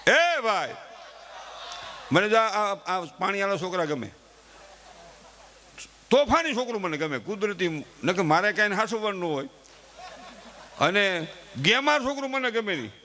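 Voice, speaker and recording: A man's voice: high voice, big pitch swings, a little slow, long pauses, pushed and bright, a little hiss or hum. A middle-aged man, giving a chatty folksy comedy monologue on a live stage and talking straight to the audience. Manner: chatty, addresses the audience directly, acts out quoted family members.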